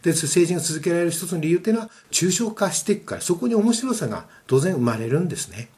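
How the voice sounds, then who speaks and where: A man lecturing on study methods at a fast clip, his pitch rising and falling with lively energy. He explains emphatically and leans on rhetorical questions to press his points home.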